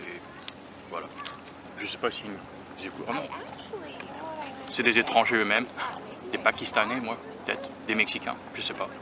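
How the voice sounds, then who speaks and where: A man's voice: on the low side, fairly even intonation, normal speed, gravelly, long pauses. A man from the United States talking casually on a vlog while eating outdoors by a beach, musing and self-conscious, often restarting his sentences. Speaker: food-tasting vlogger. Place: outdoors by a beach near rail tracks. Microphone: handheld camera or phone filming himself. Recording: outdoor traffic and vehicle noise.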